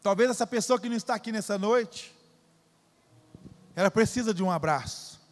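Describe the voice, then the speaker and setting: In a large church hall, a high-pitched Brazilian man delivers a sermon at normal speed. His Brazilian Portuguese accent carries an emphatic, repetitive style as he keeps addressing the crowd as "querido," meaning "dear."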